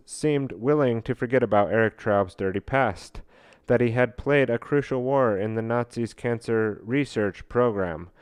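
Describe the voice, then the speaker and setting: Man reading aloud with halting fillers. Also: mid-range voice, darkish tone, smooth, dry recording. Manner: halting, many fillers and restarts while reading. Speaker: podcast host.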